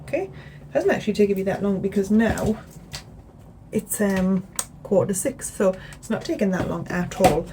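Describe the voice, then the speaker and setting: A young British woman giving a relaxed, rambling crochet tutorial at home, chatting casually with plenty of fillers. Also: medium pitch, normal speed, background noise. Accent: British English. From England. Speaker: crochet vlogger. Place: home, indoors.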